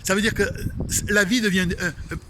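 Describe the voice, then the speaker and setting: A man's voice: high-pitched, steady tone, a little fast, bright, forceful tone, a little hiss or hum, low-quality recording. Emphatic man from Marseille preaching outdoors. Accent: Marseille French. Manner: emphatic, repetitive, addresses listeners directly. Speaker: spiritual speaker. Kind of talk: inspirational religious talk. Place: outdoors facing a tree.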